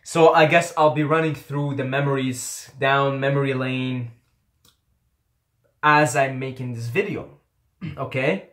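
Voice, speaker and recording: A young man from Qatar, whose first language is Arabic, tells a personal story as a YouTuber in a rambling, candid vlog style, swearing casually and repeating phrases. His medium-pitched, fairly bright voice stays steady at a measured pace with long pauses, in an echoey room.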